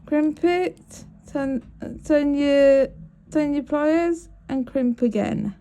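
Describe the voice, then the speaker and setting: A woman demonstrates bracelet-making one step at a time in a crafting tutorial, her high, warm voice drawing out words. She has a sniffly cold and keeps up a chatty, apologetic commentary.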